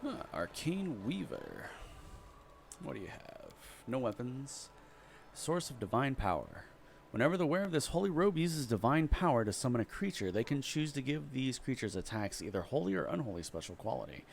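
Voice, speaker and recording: A man's voice: medium pitch, big pitch swings, moderate pace, creaky, a little hiss or hum. A man hosting a casual let's play, reading item descriptions aloud and muttering asides as he shops. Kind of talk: casual gameplay commentary.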